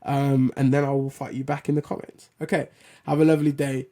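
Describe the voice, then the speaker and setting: A loud, blunt man hosting a film and TV news show rants through opinionated solo commentary. With a medium-pitched voice and fairly quick delivery, he's animated, swears casually and keeps restarting sentences.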